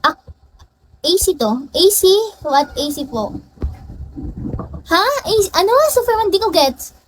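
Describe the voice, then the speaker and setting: A woman's voice: very high-pitched, big pitch swings, unhurried, slight background noise, low-quality recording. A young woman live streaming on her phone, playfully greeting and teasing her viewers by name in casual chat. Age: young adult.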